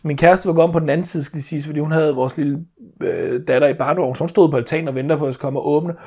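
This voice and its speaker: A man's voice: a little high, steady tone, dark tone, breathy edge. A man, telling a story as a father in casual chat, rambling with many restarts and fillers.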